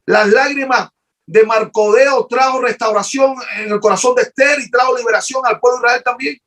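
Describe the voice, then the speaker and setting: A man's voice: very high voice, steady tone, normal speed, a bit bright. A man preaching an emotional sermon as pastor, fervent and repetitive, often restarting his sentences.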